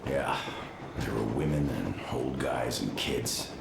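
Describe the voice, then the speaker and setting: A man's voice: extremely low pitch, slow pace, vocal fry, full character voice. A man playing a homesick, stoic and loyal soldier in a video game. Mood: subdued, resolute. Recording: very echoey, noisy game audio.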